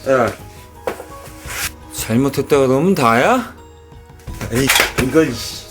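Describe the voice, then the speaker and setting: An actor playing an abusive, drunken middle-aged father who shouts and swears at his child and wife. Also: medium pitch, animated, slow, over music. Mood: furious.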